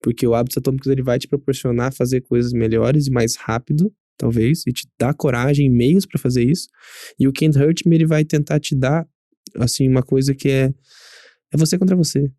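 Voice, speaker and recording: Gravelly, dark-voiced Brazilian man. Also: mid-range voice, fairly even intonation, brisk, no echo, clean studio sound. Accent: Brazilian Portuguese. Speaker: guest, emergency medicine resident. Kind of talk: casual podcast chat.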